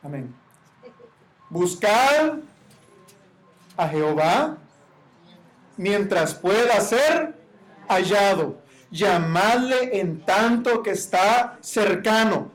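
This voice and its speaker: Man preaching, high voice, building to fervent emphasis. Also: expressive, very slow, pauses often. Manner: preaching with rising shouted emphasis on quoted cries. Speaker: pastor. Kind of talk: sermon.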